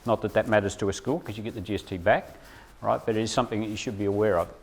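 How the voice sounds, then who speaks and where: A man's voice: fairly low pitch, fairly even intonation, very fast, slightly rough. A man giving a live training talk to teachers, often checking in with "right?". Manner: chatty, keeps checking in with "right?". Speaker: presenter at a teacher training session. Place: meeting room with a live audience. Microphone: lapel mic, later a room camera mic from afar. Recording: distant room mic at times.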